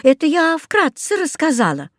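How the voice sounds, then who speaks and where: Woman, audiobook reader, first-person storytelling, fairly high voice, dry close recording. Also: wildly swooping pitch, normal speed, no echo. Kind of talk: scripted first-person narration.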